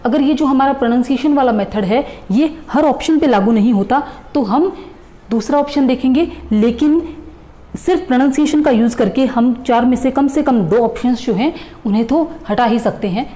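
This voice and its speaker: Woman, teacher, patient step-by-step explanation, spells out letters, warm tone. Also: sits high, normal speed. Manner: patient, addresses viewers as friends, repeats and spells out letters. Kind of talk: explanatory reasoning lesson.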